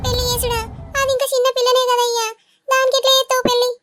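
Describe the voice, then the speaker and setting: A woman's voice: extremely high pitch, flat delivery, fast talker, loud music behind the voice. A woman voicing a melodramatic middle-aged village mother in a cartoon, scolding and wailing with a Telangana Telugu accent. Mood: pleading. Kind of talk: cartoon voice acting.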